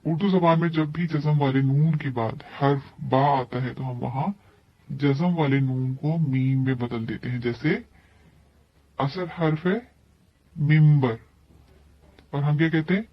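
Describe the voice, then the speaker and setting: A man teaching a tajweed lesson, patiently explaining each rule and repeating every example word slowly. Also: a little high, no echo, lo-fi sound. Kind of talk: tajweed lesson explaining Quran reading rules.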